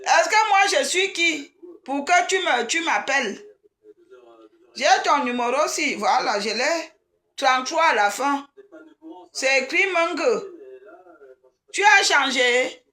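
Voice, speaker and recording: A woman, chatting casually and excitedly on a live stream and teasing her viewers. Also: sits high, slow pace, long pauses. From Cameroon.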